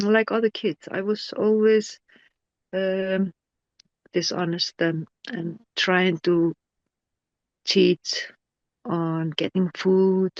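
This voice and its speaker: A middle-aged woman from Iceland, telling her personal story as an interview guest, halting with many fillers and restarts and grammar. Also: on the low side, dry recording. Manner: non-native English grammar. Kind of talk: personal testimony. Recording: dull lo-fi dry audio.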